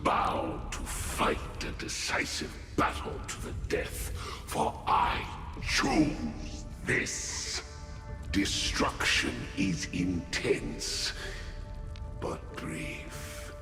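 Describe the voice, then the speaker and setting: Deep, gravelly, slowly menacing theatrical villain. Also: male voice, huge pitch swings, sharp tone, exaggerated voice. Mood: menacing, fervent. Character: grim male villain, fatalistic devotee of destruction. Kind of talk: dramatic video game voice acting. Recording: roomy echo under game music.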